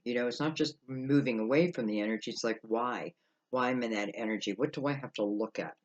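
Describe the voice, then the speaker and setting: A man giving an unscripted, mystical horoscope tarot reading, musing aloud with halting pauses and rhetorical questions. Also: medium pitch, muffled recording. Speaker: tarot card reader.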